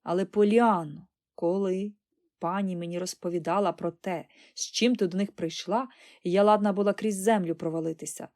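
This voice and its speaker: Female reader doing a prim middle-aged aunt for an audiobook, scolding, sharp, exasperated. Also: on the low side, steady tone, moderate pace, natural voice.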